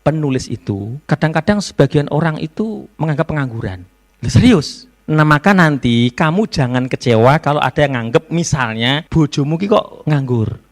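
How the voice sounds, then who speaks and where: Brief: a male novelist lecturing to students, slightly high voice, animated storyteller. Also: normal speed. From Indonesia. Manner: lively storytelling, slips into Javanese phrases. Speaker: novelist giving a guest lecture. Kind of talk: public lecture.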